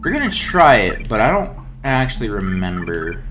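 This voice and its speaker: A man chats through a game, rambling and pausing to think. His voice swings up and down freely. Faint game music plays underneath. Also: fairly low pitch, big pitch swings. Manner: rambling, chatty, hesitant. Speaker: let's play host. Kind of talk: casual gameplay commentary.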